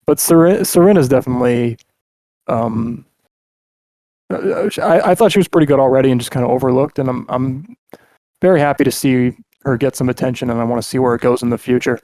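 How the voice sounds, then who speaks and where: A man's voice: medium pitch, a little fast, mellow, no echo. A man hosting a podcast, musing casually with hesitant restarts. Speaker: podcast host. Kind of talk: casual chat.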